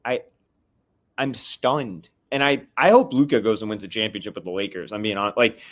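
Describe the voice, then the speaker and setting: A man with a lowish voice phones into a live fan podcast to vent, speaking at a moderate pace. He's worked up, and his casual rant comes in rambling spurts full of fillers and false starts.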